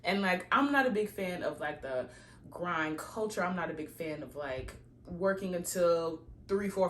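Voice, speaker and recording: Woman, tarot reader, lowish voice, preachy and animated, faint room hum. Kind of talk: casual spiritual pep talk.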